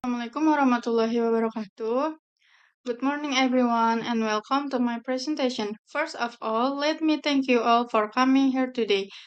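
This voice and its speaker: A young woman with an Indonesian accent gives a formal, rehearsed class presentation as a student. Her voice is high and smooth. The recording is dull and lo-fi. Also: brisk. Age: young adult.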